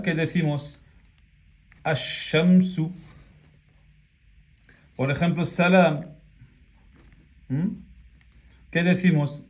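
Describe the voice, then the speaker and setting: A man's voice: on the high side, darkish tone. A man teaching a lesson, explaining patiently and checking in often with the listener. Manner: patient, drawn-out examples with frequent "¿ok?" check-ins. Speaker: Arabic teacher. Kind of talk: slow classroom explanation.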